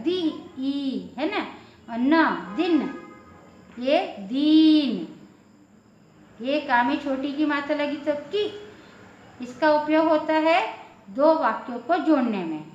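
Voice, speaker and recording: High-voiced woman teaching in an echoey room. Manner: patient, repeats examples slowly. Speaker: Hindi teacher. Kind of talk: explaining a spelling lesson. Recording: echoey room, dull lo-fi sound.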